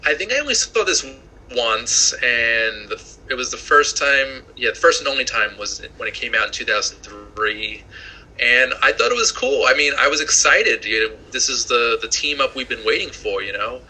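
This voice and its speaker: Easygoing man with a sharp tone. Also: mid-range voice, expressive, moderate pace, slight background noise, rough recording. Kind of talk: casual chat.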